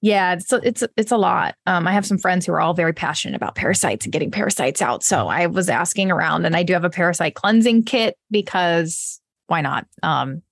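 A woman's voice: lowish voice, lively intonation, brisk, creaky, few pauses, husky, dry recording, studio quality. A woman, around her thirties, co-hosting a podcast in a casual, conversational way. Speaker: podcast co-host. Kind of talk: casual chat.

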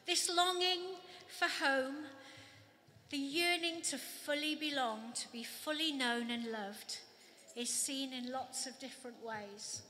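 Welsh woman preaching in a reverberant church. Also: high-pitched. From Wales. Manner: gentle, reflective, slow with pauses. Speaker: pastor. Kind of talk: sermon. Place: church during a candlelit carol service. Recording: long church reverb, faint ambience.

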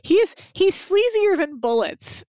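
High-voiced woman chatting, laughing often. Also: big pitch swings, unhurried, mellow, no echo. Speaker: podcast co-host. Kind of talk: casual chat.

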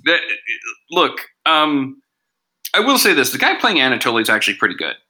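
A man's voice: medium pitch, big pitch swings, a little fast, sharp tone, rough recording. A man hosting a casual podcast reviewing TV episodes, chatty and sarcastic, with lots of asides. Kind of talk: casual chat.

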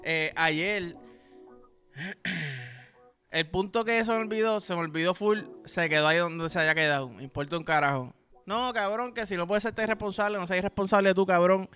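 Puerto Rican guy, young, host; loose, foul-mouthed storyteller with a high, lifted voice. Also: moderate pace, sharp tone, soft background music. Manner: profane, rambling storyteller. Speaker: podcast host. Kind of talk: casual comedic monologue.

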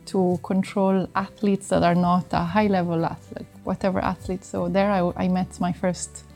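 A middle-aged sports medicine doctor from northern Italy speaks English with an Italian accent as an interview guest, explaining things conversationally and sometimes searching for words. Her lowish voice is gravelly and darkish, with little pitch movement and a moderate pace, over soft background music.

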